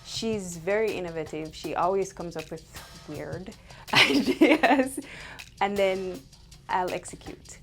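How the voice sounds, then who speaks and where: A woman's voice: on the low side, lively intonation, takes it slowly, fairly bright tone, faint music behind. A woman from Jamaica, co-founder of a wellness business, speaking candidly and unhurriedly in an interview. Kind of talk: casual interview answers.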